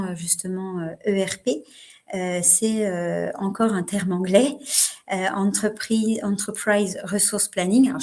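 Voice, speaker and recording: A woman's voice: mid-range voice, darkish tone. Hesitant woman presenting with many fillers. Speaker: trainer presenting a webinar. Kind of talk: live online workshop presentation.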